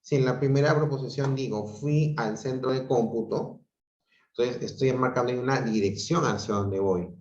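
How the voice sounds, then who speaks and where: A male teacher leads an online grammar class from a room at home over a video call, explaining step by step and frequently checking in with students. His voice is mid-range and darkish at normal speed, and the video call microphone gives roomy, dull audio.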